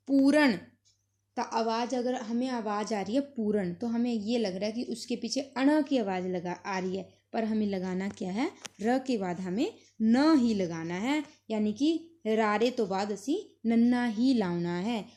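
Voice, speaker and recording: A woman's voice: medium pitch, normal speed, hardly any pauses, warm tone. A woman teaching a grammar lesson, saying each example word twice for practice and switching between Hindi and as she explains. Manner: mixes Hindi and Punjabi while explaining.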